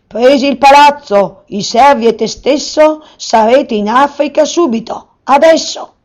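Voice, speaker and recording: A woman voicing a loud, declaiming male genie who serves his master. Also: sits high, measured pace, voice pushed up. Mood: grand. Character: booming male genie of the lamp, servile. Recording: slightly muffled recording.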